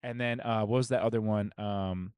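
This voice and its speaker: A man's voice: fairly low pitch, fairly even intonation, normal speed, darkish tone, clean tone, dry recording. A man co-hosting a casual sports and pop culture podcast, rambling with restarts and slang. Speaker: podcast co-host.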